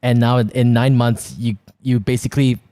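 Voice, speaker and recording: A man's voice: medium pitch, fairly even intonation, moderate pace, dark tone, dry recording, studio quality. A man with a Malaysian accent interviewing in a casual, reactive way, using colloquial English sprinkled with 'lah'. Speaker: interviewer, show host. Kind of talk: casual chat.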